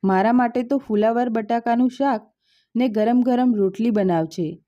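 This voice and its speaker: A woman's voice: fairly high pitch, normal speed, dark tone, dull audio, lightly acted. A woman voicing a harsh older mother-in-law who scolds sharply, in a storybook reading. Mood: scolding.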